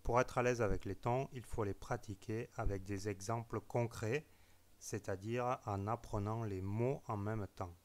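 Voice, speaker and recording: A man teaching a recorded language lesson, speaking slowly and repeating each word to explain its tone. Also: on the low side, steady tone, a little mellow.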